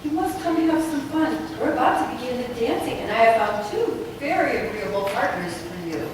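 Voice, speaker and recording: A woman's voice: a little high, lively intonation, normal speed, lightly acted. A woman playing a cheerful, bossy middle-aged hostess who pairs off dance partners, acting on a stage. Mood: cheery. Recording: echoey hall, far from mic, noisy.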